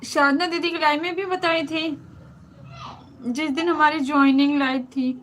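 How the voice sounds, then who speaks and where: A woman's voice: high voice, fairly even intonation, moderate pace, a bit bright, a little hiss or hum. A woman hosting a casual live-stream chat on a phone, answering viewers directly in a chatty way.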